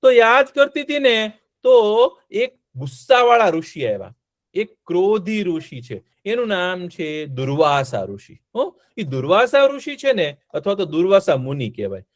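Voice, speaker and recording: A man telling a story to children, animated, asking them questions and repeating words. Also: high voice, a little slow, dry recording, studio quality.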